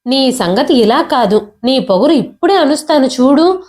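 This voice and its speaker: A woman's voice: high voice, animated, moderate pace, a little mellow. Woman voicing a furious, scolding sister-in-law. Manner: harsh scolding. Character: angry domineering young wife, sister-in-law.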